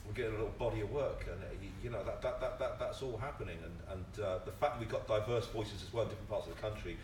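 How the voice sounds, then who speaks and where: Low-voiced and darkish in tone, this British panellist, a theatre writer and director, talks very fast in unscripted, impassioned remarks at an indoor theatre event. He's colloquial and emphatic, frequently tripping over repeated words as he builds his case, picked up by a distant mic in a roomy space with background noise.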